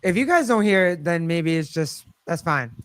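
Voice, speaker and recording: A man's voice: a little high, lively intonation, moderate pace, no echo. A man hosting a casual live call-in stream, talking informally and swearing freely. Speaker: livestream host.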